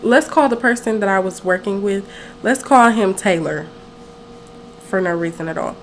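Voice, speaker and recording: On her own podcast, a nineteen-year-old woman with a mid-range voice at normal speed tells a story in a chatty, rambling way, often correcting herself mid-sentence. The recording is low quality, with a little hiss or hum.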